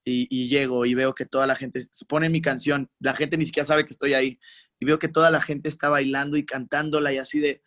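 A young man with a Mexican accent, a musician guest in a casual interview, talking in an animated, slangy way and acting out his own reactions. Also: medium pitch, brisk.

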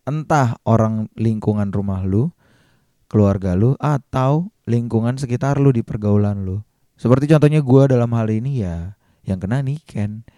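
A man's voice: medium pitch, normal speed, dry recording, studio quality. A man, telling a personal story casually and acting out the dialogue. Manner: lively slangy retelling, acts out quotes in a raised voice. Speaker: vlogger.

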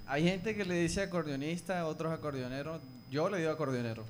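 A man, a guest musician, giving short quiet answers in a casual chat. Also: on the high side, fairly quick.

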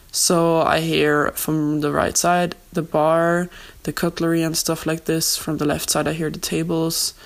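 A woman hosting a podcast on a low-quality makeshift recording. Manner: earnest, steady, explanatory. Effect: low-quality makeshift recording without proper equipment. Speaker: podcast host. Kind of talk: podcast monologue, personal advice.

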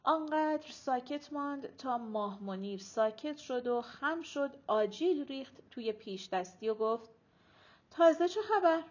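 A woman reading a novel aloud as audiobook narrator, expressive, dropping low at the ends of sentences. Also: hardly any pauses. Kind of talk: scripted narration. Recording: dull lo-fi audiobook recording.

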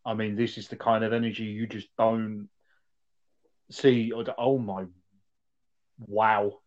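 A man chatting casually about a film, reacting in slow, amazed, halting remarks. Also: lowish voice, little pitch movement, a little mellow, highs cut off. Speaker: podcast co-host. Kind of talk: casual film review chat.

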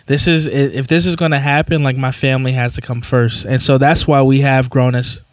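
A man around thirty, a coffee business owner interviewed as a guest, speaking earnestly and haltingly with many "um"s and "like"s. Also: medium pitch, little pitch movement, dry recording. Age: 30s. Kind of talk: casual interview chat.

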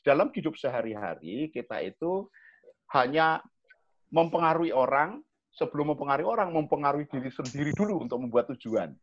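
A man with a Javanese accent talks to young people in a relaxed, lively way. His voice is fairly high and swings widely as he acts out little scenes. The recording sounds dull and lo-fi. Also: fairly quick. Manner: animated, acts out examples with sharp raised-voice quotes. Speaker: communication coach. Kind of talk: explaining to young people in a chat.

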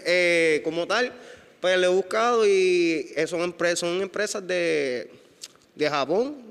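A man's voice: sits high, takes it slowly, fairly bright tone, smooth, long reverb tail. A man, a dancer answering interview questions hesitantly, searching for words. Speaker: guest breakdancer.

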